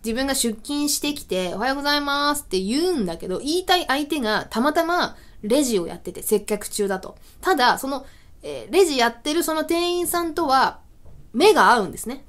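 A woman's voice: a little high, very animated, brisk. A woman hosting a web radio show, chatting casually on her own and acting out small everyday scenes with self-mocking laughs. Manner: laughs often between lines. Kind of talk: casual solo talk.

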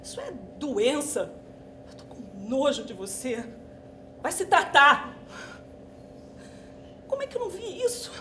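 An actress playing a betrayed young woman, tearful and pleading, then shouting in disgust. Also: high voice, huge pitch swings, a little slow, pauses often, heavily acted. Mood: furious. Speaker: actress in a drama exercise. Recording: echoey room with clear noise.

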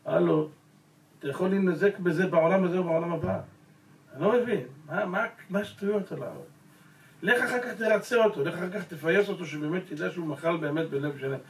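Rabbi exhorting in an echoey hall. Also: male voice, high voice. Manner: exhorting with rhetorical questions; addresses the audience as gentlemen. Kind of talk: Torah lesson sermon. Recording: roomy echo, voice from a distance.

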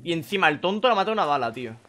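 Excitable young gaming streamer. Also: male voice, fairly high pitch, racing. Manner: excitable, swings from muttering to shouting. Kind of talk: live gameplay commentary. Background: faint gunfire from the game.

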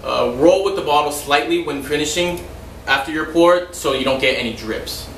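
Indoors in a home dining room, a young man whose voice is on the high side speaks at normal speed while instructing on how to serve wine. He's a restaurant server trainer with a steady, explanatory style and some loose asides; a camera far away with no visible mic gives the audio a roomy echo and slight background noise.

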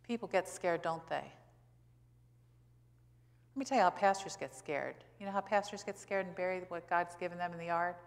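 An American pastor in her sixties, with a lowish voice and some vocal fry, preaches a sermon from a pulpit in a church sanctuary. Her delivery is conversational and emphatic, full of rhetorical questions and pauses for stress, picked up by a pulpit gooseneck mic in a reverberant hall.

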